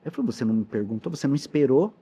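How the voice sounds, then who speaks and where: A man's voice: mid-range voice, very animated, racing, mellow, husky. A man, a pastor and missionary telling his testimony in a podcast interview with earnest storytelling. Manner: storytelling, earnest, quotes dialogue.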